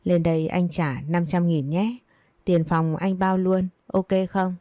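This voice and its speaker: A pushy young man coaxes in a sleazy, wheedling tone, as a woman narrator does his voice. The voice stays low and mellow. There is no room sound at all. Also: steady tone, slow, no room sound, studio quality.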